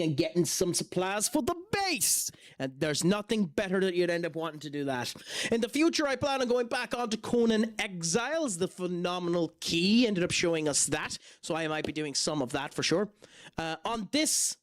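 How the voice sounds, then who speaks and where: An Irish man streaming a game, chatting in an easygoing way and reading out chat. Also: fairly high pitch. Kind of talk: casual live-stream chat.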